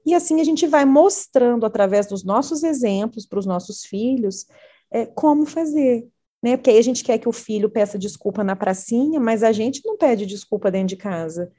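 A middle-aged Brazilian woman speaks in a warm, relaxed tone pitched slightly high. She is a parent educator who talks earnestly in a conversational interview, animated as she tells stories. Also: normal speed. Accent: Brazilian Portuguese.

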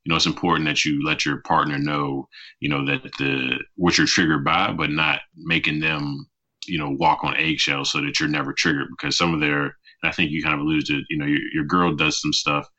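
Very deep forceful male host. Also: level tone, a little fast. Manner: rambling questions full of "you know", affirming "mm-hmm". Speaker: podcast host. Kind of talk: casual interview questions. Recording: slightly dull podcast audio.

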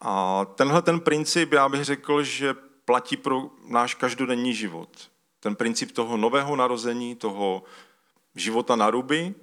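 A man with a fairly bright, mid-range voice preaches in a casual, conversational manner. He pauses to call for slides, reads a scripture passage, and restarts sentences amid loose spoken fillers.

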